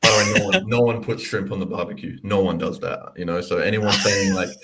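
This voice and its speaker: A young Australian man talking on a casual livestream, chatty and upbeat and quick to laugh. His voice sits on the low side. He speaks into a call mic. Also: steady tone, pushed and bright, poor audio. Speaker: guest content creator.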